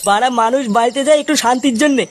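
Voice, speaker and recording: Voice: high voice, rapid-fire, background noise, close to an everyday voice. A voice actor playing a foul-mouthed, hot-headed male village club boss who swears and grumbles. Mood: grumbling.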